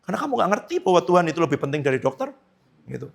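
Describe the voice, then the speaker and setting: Give me a male pastor preaching casually, with a slightly high, gravelly voice. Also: very animated, racing. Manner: conversational preaching with tag questions; acts out quoted dialogue. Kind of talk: sermon.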